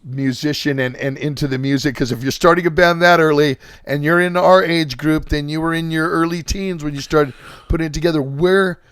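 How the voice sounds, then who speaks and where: A man's voice: a little high, steady tone, a little fast, fairly bright tone, clear, resonant tone, dry recording, studio quality. A man hosting a casual interview, enthusiastic and rambling, swearing casually. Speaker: podcast host.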